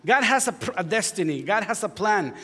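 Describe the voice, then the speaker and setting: A Honduran pastor in his forties, with a Honduran Spanish accent and a high, expressive, slightly rough voice, preaches briskly in a church sanctuary. He opens with warm, self-deprecating jokes and builds to fervent exhortation, his words carried by long hall reverb.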